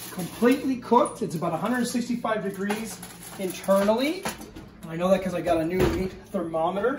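A middle-aged man with a fairly high voice talks viewers through a recipe in a relaxed, step-by-step way. He is recorded in an echoey home kitchen. The camera mic sits some distance away from him. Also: a little hiss or hum. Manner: easygoing step-by-step instructions, often checks in with okay. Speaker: home cooking show host. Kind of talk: casual cooking demonstration.

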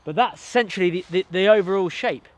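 A man in his thirties hosts a bushcraft channel, chatting casually and enthusiastically as he works on a build in a forest and explains it. His voice is high-pitched and quick, picked up by a camera mic that is sometimes far off.

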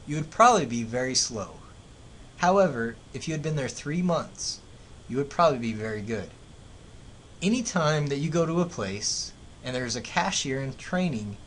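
A man with an American accent lecturing like a professor, explaining economics as a teacher with everyday examples. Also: poor audio. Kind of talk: classroom lecture narrated over slides. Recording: clear background noise, low rumble.

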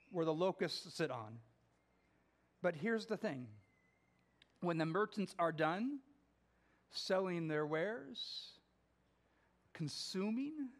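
Captured by a far-off camera, a middle-aged man preaches as pastor of a small church, his voice sitting high. He paces while reading scripture aloud, shifting from emphatic to hushed.

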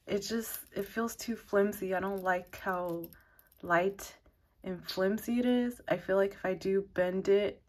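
A woman giving a casual, loosely organized knitting product review, rambling and dropping in lots of "like". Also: medium pitch. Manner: self-described advanced beginner knitter. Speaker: knitting channel host reviewing needles.

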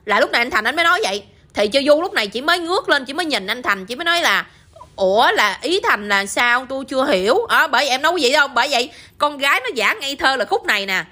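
Southern vietnamese woman telling a story, chatty, high quick voice. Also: animated, pushed and bright. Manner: chatty, addresses listeners often with tag questions. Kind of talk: casual spoken storytelling.

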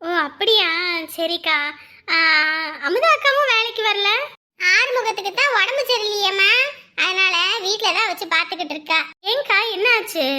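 Here a woman with a very high-pitched, sharp voice plays village women, gossiping and scolding her neighbours in a comic village skit dialogue.

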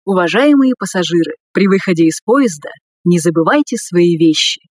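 A woman reading scripted subway announcements in a formal, measured way. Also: fairly low pitch, lively intonation, no room sound, studio quality.

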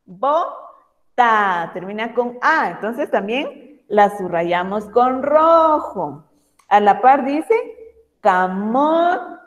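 A woman teaching a primary class of young children over a video call, patient and affectionate, reading words aloud slowly and with emphasis. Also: fairly high pitch, expressive, big-room sound. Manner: affectionate toward pupils.

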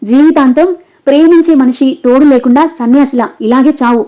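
A woman's voice: high voice, fairly quick, warm tone, close to an everyday voice. A woman voicing an emotional, scolding young man. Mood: angry. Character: young man, pleading and scolding best friend. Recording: dull lo-fi recording.

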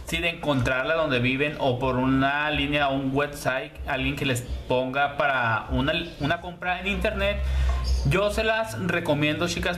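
A man with a fairly high voice presents a casual hands-on product review. He is chatty and a bit hesitant, often repeating words and softening them with diminutives. The room echoes clearly, with some faint noise behind him. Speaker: YouTube beauty channel host reviewer. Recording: roomy echo with background hiss.

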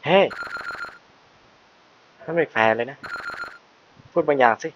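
A man voicing a frightened young girl who is lost and searching for her mother, reading her lines slowly and anxiously. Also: mid-range voice, noisy background, natural voice. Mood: pleading. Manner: reads the character's lines aloud slowly, pleading and anxious. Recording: slightly dull stream audio over loud game music.

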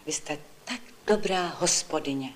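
A meek young mother, resting in bed, speaks in a soft and humble voice, as a woman reads her part. She sounds gentle and admiring, a quiet figure in a vintage storybook reading. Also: low voice, lively intonation, slight background noise.

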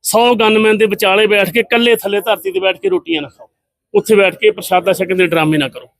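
Middle-aged man, political speaker; high voice, close and dry sound, scornful and combative. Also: steady tone, fast talker, fairly bright tone, no echo. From Punjab, India. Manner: combative, scornful, rhetorical questions. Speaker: politician giving a press statement. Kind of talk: impassioned political statement to press.

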